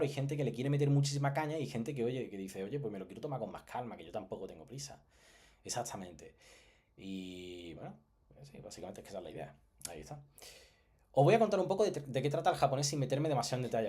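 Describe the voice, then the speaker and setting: A man's voice: medium pitch, darkish tone. Chatty Spanish man teaching a lesson. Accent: Spain Spanish. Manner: chatty, jokey and digressive, with frequent "¿vale?" check-ins. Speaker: Japanese teacher. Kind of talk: casual online lesson presentation.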